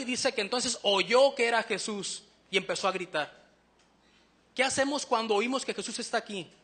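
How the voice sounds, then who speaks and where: Preacher guy, high bright voice, earnest, asks the church lots of questions. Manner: earnest, questioning the congregation, slows down to read verses. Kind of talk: sermon.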